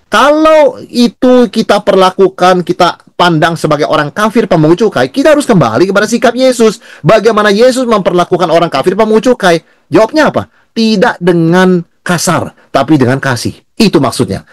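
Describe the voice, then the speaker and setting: A man's voice: sits high, sing-song, brisk, no echo. A male pastor teaching a Bible study in a conversational way, often asking and answering his own questions. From Indonesia.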